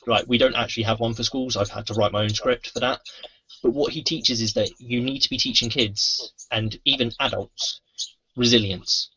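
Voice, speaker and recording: A man's voice: mid-range voice, pushed and bright. A man talking earnestly about resilience training, acting out quoted lines in a casual interview. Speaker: anti-bullying trainer, podcast host. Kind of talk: casual convention interview chat. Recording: muffled lo-fi convention recording.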